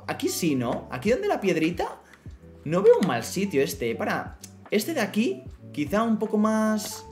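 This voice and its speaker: A man from streaming a block-building game, chatting playfully with his viewers and talking to his in-game pets. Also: on the high side. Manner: chatty, playful, talks to his pet horse and the chat. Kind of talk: casual live gameplay chat.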